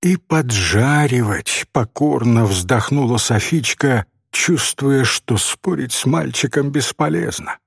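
A man narrating a story in an expressive, gently ironic way. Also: mid-range voice, measured pace, gravelly, few pauses, husky, no room sound, studio quality. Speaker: audiobook narrator.

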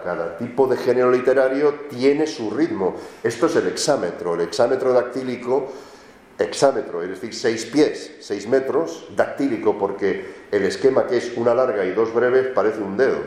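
A man from lectures to a room of students, his voice sitting on the low side. He explains things patiently and keeps checking in with his listeners through questioning tags. The recording carries the noticeable echo of a lecture room. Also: darkish tone. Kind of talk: classroom lecture.

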